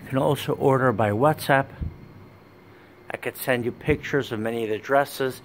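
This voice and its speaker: A man walks a warehouse with his phone, pitching his stock in a plain, steady way and naming items one after another. His voice sits at an ordinary middle pitch. A faint background hum runs under the recording. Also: normal speed. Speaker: wholesale business owner. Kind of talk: walkthrough sales pitch. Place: indoor warehouse with dress racks. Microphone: handheld phone camera, speaker off screen.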